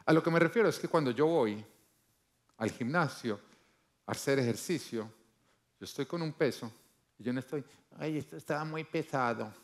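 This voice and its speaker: A male pastor delivering a sermon, emphatic, swinging from loud bursts to low, quiet lines and acting out the voices he quotes. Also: lively intonation, normal speed, long pauses. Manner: acts out quoted voices in his preaching.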